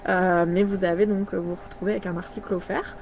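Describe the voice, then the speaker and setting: A woman in her thirties chatting casually on a live video, pausing often with fillers and restarting her sentences. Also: on the low side, level tone, darkish tone, slight background noise. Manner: hesitant, many fillers and restarts. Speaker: brand partner presenting products.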